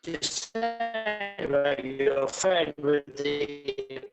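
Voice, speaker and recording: A man thanking a teacher over a call whose connection keeps breaking up, speaking haltingly and apologizing. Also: on the high side, lively intonation, gravelly, music in the background. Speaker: retreat participant on a call. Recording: choppy distant call audio.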